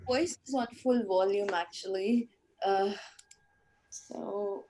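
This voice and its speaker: A woman's voice: mid-range voice, slow, dark tone, slight background noise. A woman speaking hesitantly and politely over a bad video-call connection, her voice faint and muffled. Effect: faint, muffled audio over a bad video-call connection. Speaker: guest speaker, assistant professor. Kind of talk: casual pre-webinar chat on a video call.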